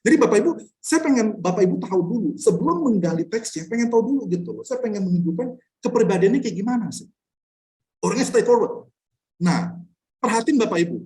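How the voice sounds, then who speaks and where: Animated, fast-talking pastor. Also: male voice, high-pitched. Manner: animated, blunt, rhetorical questions to the audience; chuckles between points. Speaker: pastor teaching a Bible study. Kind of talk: casual Bible study teaching. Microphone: online class recording.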